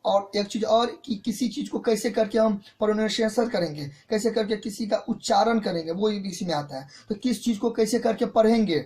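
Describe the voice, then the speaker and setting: Online grammar lesson, teacher, mid pitch, repetitive, step-by-step explanations, frequent check-ins, mixes in English terms. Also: darkish tone.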